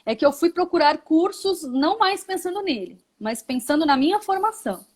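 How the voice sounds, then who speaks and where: A woman's voice: extremely high pitch, lively intonation, moderate pace. A Brazilian woman, a physiotherapist and mother, explaining her path in a live interview, reflective, with many tag questions. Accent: Brazilian Portuguese.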